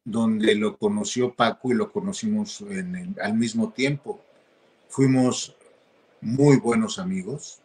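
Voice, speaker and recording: A man answering interview questions in a hesitant, halting way, with many restarts. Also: on the low side, a little mellow. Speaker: interview guest.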